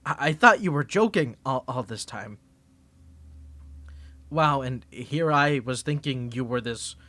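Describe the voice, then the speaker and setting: An ASMR creator with a mid-range, fairly bright voice plays a flustered young tsundere male student rival in a roleplay. He teases and gets defensive, stammering whenever he's caught off guard. The recording is dry.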